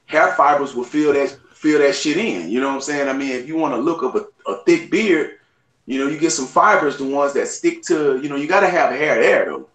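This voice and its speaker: Dude, joking and cussing loud, sounds like he's in an echoey room on a stream. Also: fairly high pitch, fairly quick. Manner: loud, profane, joking banter. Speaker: live stream panelist. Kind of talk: casual chat.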